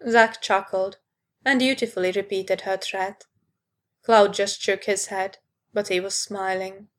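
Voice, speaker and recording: A woman reading a fan fiction story aloud, narrating in an unhurried way and lifting her voice for the characters' lines. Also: medium pitch, steady tone.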